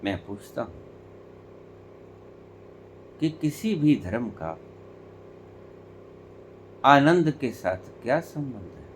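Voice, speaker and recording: A male spiritual teacher delivers a slow, measured discourse, letting long pauses hang between phrases. His pitch rises and falls in a lively, expressive way as he drives home rhetorical questions, with a faint hum of background noise behind him.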